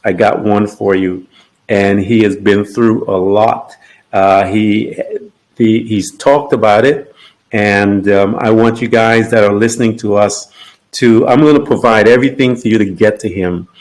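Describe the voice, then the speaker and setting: A male podcast host with a lowish voice who speaks slowly and haltingly. He pauses often and fills the gaps as he works through an idea. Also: fairly even intonation, darkish tone. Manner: slow, halting, many fillers. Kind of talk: casual interview.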